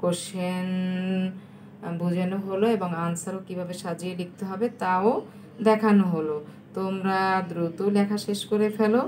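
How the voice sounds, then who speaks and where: A Bangladeshi woman teacher, a native Bengali speaker, giving a recorded lecture and dictating English sentences slowly so students can write them down. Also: fairly low pitch, darkish tone, a little hiss or hum.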